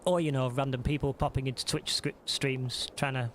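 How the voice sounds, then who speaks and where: A man's voice: mid-range voice, level tone, a little fast, a little hiss or hum. A man chatting casually through a live gameplay stream, self-deprecating and talking to his viewers.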